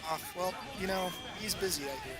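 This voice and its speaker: Man from the US East Coast, thirties, easygoing co-caster, slightly high pitch, music clearly behind. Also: a little fast. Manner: laid-back, self-deprecating banter. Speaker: co-commentator. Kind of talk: casual esports commentary.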